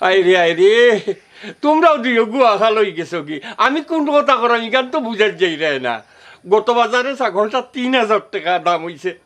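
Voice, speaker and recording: A man's voice: sits high, animated, brisk, fairly bright tone. A man with a Sylheti accent playing a rural father who sells goats and coaxes his crying son in a comedic village drama. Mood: grumbling. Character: rural father, goat seller, fussing and soothing.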